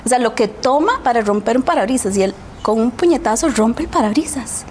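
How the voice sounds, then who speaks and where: Earnest Costa Rican woman, slightly high voice. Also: lively intonation, a little fast, a little mellow, a little hiss or hum. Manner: earnest, reflective, often adds a questioning tag. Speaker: guest. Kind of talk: personal storytelling in a TV interview.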